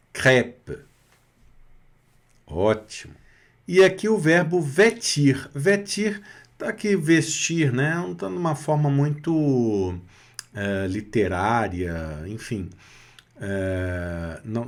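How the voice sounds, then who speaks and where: Slow, patient man teaching French sounds. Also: on the low side. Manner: patient, repeats words slowly and asks for repetition. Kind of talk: pronunciation lesson.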